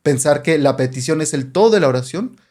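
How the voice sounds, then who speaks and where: Man, somewhat high voice, earnest podcast host teaching casually about faith. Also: expressive, fairly quick, a little mellow. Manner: earnest, explanatory, with frequent restarts and acted prayers.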